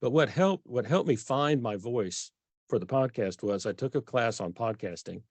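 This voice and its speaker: This earnest author guest, a middle-aged man from Texas with a Texan accent, keeps restarting and correcting his sentences during a conversational interview. He has a mid-range, darkish voice with lively intonation and a moderate pace, and there's no echo.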